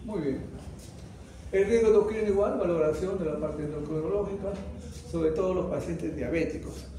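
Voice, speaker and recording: A middle-aged man gives a classroom lecture in a fairly high but mellow voice. He keeps asking his students whether they follow. The room is echoey, with faint noise behind him. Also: normal speed. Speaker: anesthesiology lecturer.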